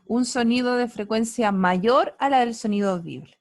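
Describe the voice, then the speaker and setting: A woman's voice: fairly high pitch, moderate pace, a little mellow, dry recording. A woman teacher giving an online physics class, playful and teasing, asking students many questions. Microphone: computer mic on a video call.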